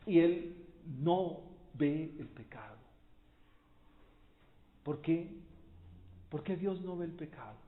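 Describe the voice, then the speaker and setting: A man preaching an expository sermon as pastor, rising to loud exclamations. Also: fairly high pitch, expressive, slow, pauses often. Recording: tinny phone-like recording.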